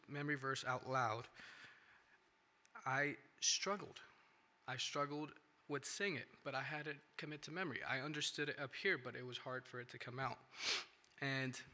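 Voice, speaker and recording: Through a handheld or stand microphone, a bright-voiced young man gives a personal testimony to a church audience. He's from India, speaks English as a second language, and has a medium pitch. His delivery is earnest and meandering, full of restarts and "right?"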